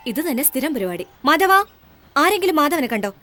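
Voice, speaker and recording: A fiery young mother lectures the household in a high, quick voice. Film music plays clearly behind her. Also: very animated. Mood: spirited. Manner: spirited, lecturing. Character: outspoken young mother defending a boy. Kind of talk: film dub dialogue. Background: film score.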